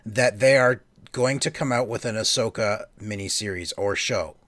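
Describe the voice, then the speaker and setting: A man's voice: fairly low pitch, normal speed, fairly bright tone, no room sound. A man co-hosting a podcast, chatting casually and enthusiastically, with many fillers and restarts. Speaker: podcast co-host. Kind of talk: casual chat.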